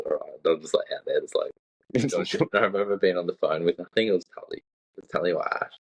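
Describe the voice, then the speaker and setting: A man's voice: deep voice, fast, slightly rough. A young man, chatting casually on a podcast, rambling and swearing as he acts out what others said. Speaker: podcast co-host. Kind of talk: casual chat. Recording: dull lo-fi sound.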